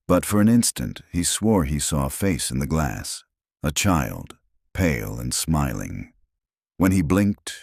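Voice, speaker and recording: A man's voice: extremely low pitch, vocal fry, darkish tone, dry recording, studio quality. A man giving dramatic, suspenseful scripted horror narration.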